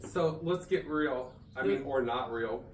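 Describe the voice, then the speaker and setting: Speaking a little slowly in a medium pitch, a podcast co-host rambles playfully through a casual comedy conversation. It was recorded in a garage, so it sounds echoey, he's far from the mic, and there's faint noise.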